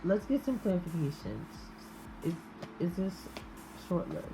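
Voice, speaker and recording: A woman giving an improvised, intimate tarot reading in a halting, musing manner with drawn-out pauses. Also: fairly low pitch, big pitch swings, noisy background. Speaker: tarot reader.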